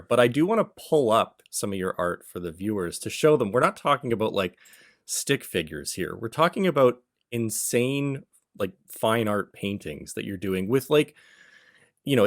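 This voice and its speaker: Man, very low voice, podcast host, earnest and enthusiastic, dry sound. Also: no room sound. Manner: earnest, enthusiastic, repeats words when excited. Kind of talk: casual interview talk.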